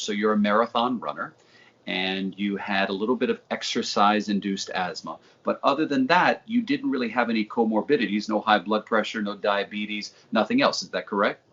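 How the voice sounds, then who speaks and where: A man's voice: on the low side, brisk, fairly bright tone, husky. A man conducting an interview, laying out background and asking questions. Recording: dull lo-fi audio.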